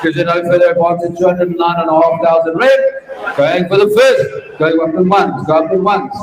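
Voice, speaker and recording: A man's voice: a little high, brisk. A South African man working as an auctioneer, calling bids at a live auction in a repetitive, rhythmic patter. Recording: echoey hall, distant mic, crowd around.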